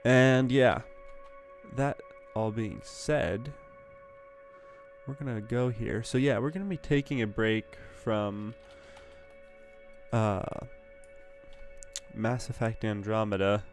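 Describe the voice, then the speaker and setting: A man's voice: fairly low pitch, takes it slowly, long pauses, soft background music. A young man hosting a gaming channel, chatting casually over gameplay with a groggy morning voice that sounds a little congested. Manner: chatty, rambling, upbeat.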